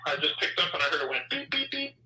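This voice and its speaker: A man calling in by phone on speakerphone, giving a confident, quick pitch as a friend helping make a draft pick. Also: sing-song, sharp tone, faint music behind. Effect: heard over a phone on speakerphone. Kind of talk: casual phone chat. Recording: distant, roomy speakerphone call audio.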